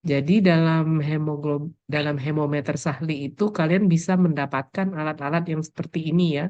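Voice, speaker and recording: Hoarse woman lecturer, sore throat. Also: sits low, steady tone, normal speed, darkish tone, no echo. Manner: explanatory, filler-heavy. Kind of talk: lab course briefing. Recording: dull, dry, muffled lecture audio.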